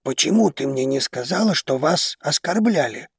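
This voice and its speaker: A man's voice: fairly high pitch, expressive, moderate pace, vocal fry, husky, no echo, clean studio sound, exaggerated voice. Man doing a stern old clan patriarch. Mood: harsh. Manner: stern, curt. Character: stern old head of a noble house.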